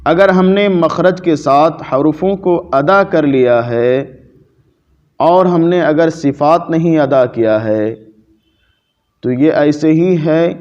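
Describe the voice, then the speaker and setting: A man's voice: fairly high pitch, a little mellow. A man teaching Quran pronunciation in a mosque lecture, patiently explaining and drawing out letter sounds as examples. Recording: dull lo-fi recording.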